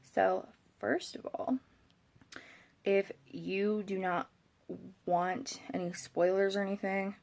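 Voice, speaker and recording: A young woman vlogs casually to camera, tired and rambling with hesitations, her speech slightly thick because of a swollen tongue. Her voice is medium-pitched and a little mellow, with vocal fry.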